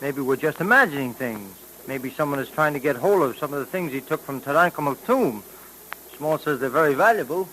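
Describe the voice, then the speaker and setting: A breezy young sidekick cop in an old-time radio drama, with a slightly raised voice and a chatty, slangy, excitable manner. A faint hiss sits under the old broadcast. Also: male voice, fairly high pitch, fairly quick, rough recording. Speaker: police partner of the detective. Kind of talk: 1940s radio drama acting.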